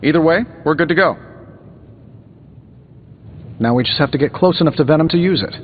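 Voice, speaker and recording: A man's voice: a little high, a little fast, long reverb tail, muffled recording, slight background noise, close to an everyday voice. A man voicing a sardonic, wisecracking genius superhero inventor in a video game, with a glib but protective manner. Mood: playful teasing. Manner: glib, sarcastic, quipping. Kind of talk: video game dialogue acting.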